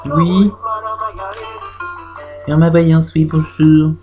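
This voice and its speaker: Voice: mid-range voice, level tone, dark tone, highs cut off. Irma Vaillance, a performer doing a theatrical female clairvoyant. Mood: mystic, teasing. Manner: theatrical, drawn-out "hmm" and "ouh là là", claims flashes and vibrations. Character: chatty female clairvoyant reading a caller's fortune. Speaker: fortune teller taking a call. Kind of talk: comic phone-in sketch. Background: music playing behind the voice.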